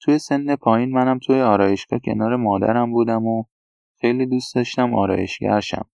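A man voicing a soft-spoken young man, gravelly. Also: medium pitch, no echo, lightly acted. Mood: confiding. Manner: quiet, confessional recounting. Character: young man raised among women, soft and confiding. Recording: dull, dry lo-fi recording.

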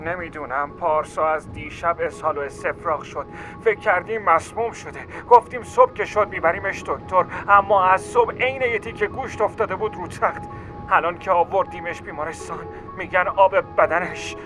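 A man voicing a quiet, remorseful older father-in-law who speaks calmly and apologetically over background music. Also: high voice, close to an everyday voice, poor audio. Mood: subdued. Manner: calm, subdued, apologetic. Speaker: character in audio story. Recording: music behind.

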